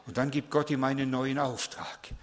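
A man's voice: medium pitch, level tone, moderate pace, long reverb tail. Emphatic male pastor preaching in a church. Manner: emphatic, with repeated words and rhetorical questions. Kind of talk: sermon.

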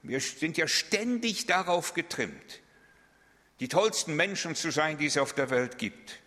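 A man's voice: fairly high pitch, big pitch swings, a little slow, pushed and bright. A middle-aged man preaching a sermon, emphatic and full of rhetorical questions. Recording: long hall reverb.

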